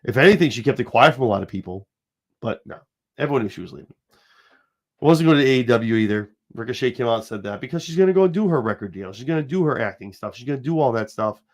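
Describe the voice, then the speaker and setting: A man in his forties hosts a casual commentary livestream, talking straight to viewers at a quick pace with a mid-range voice and lively intonation. He rambles emphatically while sniffling through a slight cold.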